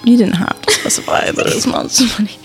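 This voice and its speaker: A woman's voice: fairly high pitch, a little fast, soft background music. Giggly swearing young woman podcaster. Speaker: podcast co-host. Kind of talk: casual chat.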